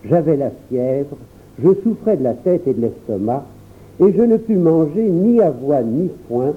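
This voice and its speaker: A man giving an expressive first-person storybook narration as an audiobook reader. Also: fairly high pitch, unhurried. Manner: expressive, lively reading. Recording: tinny phone-like sound.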